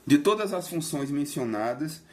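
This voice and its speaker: A man reading a linguistics lecture aloud in a measured way, stressing the words of example phrases. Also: a little high, animated, a little mellow. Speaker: reader of a linguistics text.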